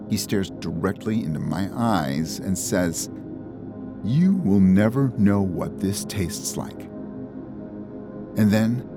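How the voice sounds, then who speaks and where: A young man with a fairly low voice tells a first-person story with a measured, introspective delivery. Clear music plays behind him throughout.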